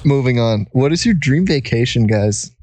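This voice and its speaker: A man's voice: medium pitch, expressive, normal speed, a little mellow, dry recording. A young man hosting a casual podcast while recording under a blanket, rambling and giggling as he talks. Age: young adult. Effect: muffled, recording under a blanket. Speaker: podcast host.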